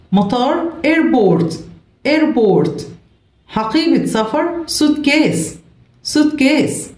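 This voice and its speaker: An Egyptian woman teacher goes through a vocabulary list in a patient, steady drill, saying each English word twice and then its meaning. Her voice sits at an ordinary pitch and carries some room echo. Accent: Egyptian Arabic. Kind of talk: reading and translating vocabulary for students.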